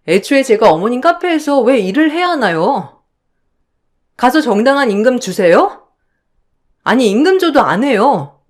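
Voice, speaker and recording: A woman voicing a young wife who answers back firmly and indignantly, in a radio drama. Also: on the high side. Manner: firm, indignant retorts. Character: sharp-tongued young wife standing her ground.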